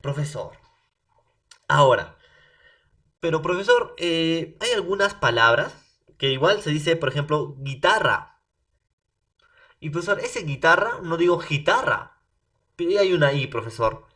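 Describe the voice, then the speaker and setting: Animated Peruvian teacher, repeating tag questions. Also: male voice, on the high side, normal speed, distant mic. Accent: Peruvian Spanish. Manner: animated, repeats "profesor" and "¿no?" as tags. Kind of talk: recorded remote language lesson.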